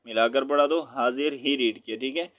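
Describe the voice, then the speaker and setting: A man teaching Quran recitation, spelling out letters and reciting slowly, then explaining in quick asides with a Pakistani Urdu accent. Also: mid-range voice, narrow, tinny audio.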